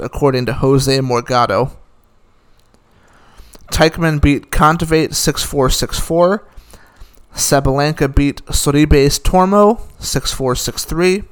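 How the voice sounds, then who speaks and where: Guy doing a quick tennis recap, smooth clear voice, dry little jokes between scores. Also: mid-range voice. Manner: dry, opinionated, rattles off scores. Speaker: tennis commentator. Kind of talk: casual recap of results.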